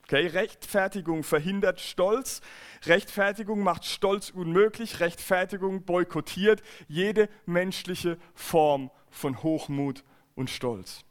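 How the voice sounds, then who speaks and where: Earnest preaching man, fairly high voice. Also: takes it slowly. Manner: earnest, emphatic preaching with repetitions and restarts. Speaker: pastor. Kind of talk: sermon. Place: church service.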